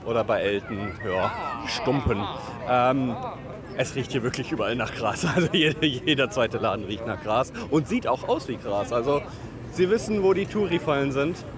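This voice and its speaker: Out in a bustling city, a travel podcast host teases and jokes sarcastically in casual voice messages. He has a medium-pitched, expressive voice at a moderate pace, with crowd noise and street traffic in the background.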